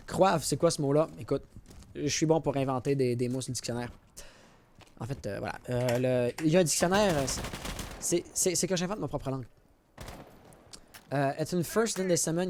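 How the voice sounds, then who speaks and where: Commentating a match live, a Quebec French-accented caster uses a slightly high voice with a darkish tone. He talks informally, mixing in English gaming terms and throwing casual remarks to chat. The recording has clear background noise of in-game gunfire and clicking.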